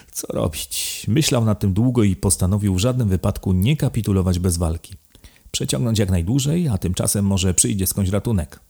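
A man calmly narrating a novel as an audiobook. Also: fairly low pitch, gravelly. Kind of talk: scripted narration.

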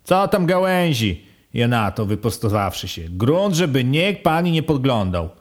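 A man reading a first-person rural story aloud in an expressive way, raising his voice sharply for the quoted speech. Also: mid-range voice, a little slow. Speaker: reader.

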